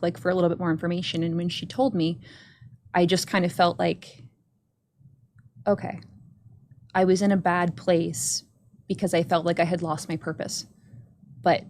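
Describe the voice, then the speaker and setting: A woman's voice: fairly low pitch, a little hiss or hum. A middle-aged woman who owns a dance studio, telling a heartfelt story in a casual interview, earnest and full of restarts.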